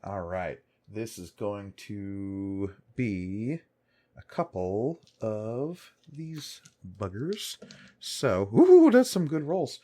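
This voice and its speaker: A man acting as game master, narrating and refereeing a tabletop game in a casual, measured way. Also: fairly low pitch, very animated, warm tone.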